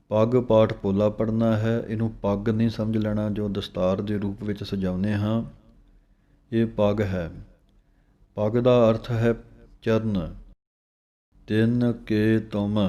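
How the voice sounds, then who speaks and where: A man teaching scripture recitation. He chants verses slowly with pauses and gives plain spoken instructions on pronunciation. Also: fairly low pitch, mellow, lo-fi sound.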